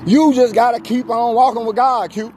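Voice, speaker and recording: A man's voice: very high voice, steady tone, moderate pace. An exasperated American man venting and preaching in casual, emphatic, repetitive talk as he walks along. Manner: speaks while walking. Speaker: vlogger. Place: outdoors on a street. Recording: street noise, handheld outdoor recording.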